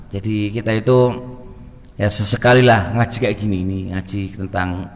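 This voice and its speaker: Man, East Javanese accent, mosque sermon, soft then suddenly loud, long hall reverb. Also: fairly low pitch, steady tone, moderate pace. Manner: switches between soft murmurs and sudden loud exhortations; addresses the congregation as "Pak". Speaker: preacher.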